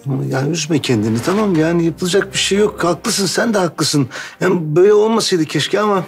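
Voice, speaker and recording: Sitcom friend: quick, raspy-edged, comforting. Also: male voice, fairly high pitch, lively intonation, faint music behind. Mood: consoling. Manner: consoling, filler-heavy. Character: Tuna, soothing family friend. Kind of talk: TV sitcom acting.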